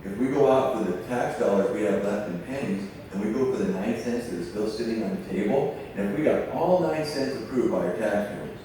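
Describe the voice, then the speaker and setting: Mellow low man in an echoey room. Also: brisk, hardly any pauses, a little hiss or hum. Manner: emphatic, rhetorical questions. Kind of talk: public forum remarks. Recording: echoey room, mic far off.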